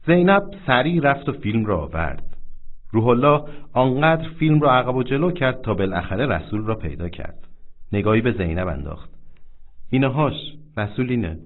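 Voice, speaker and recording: A man narrating a story aloud in a measured, solemn way, in a tinny, phone-like recording. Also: mid-range voice, very animated. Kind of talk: audiobook reading.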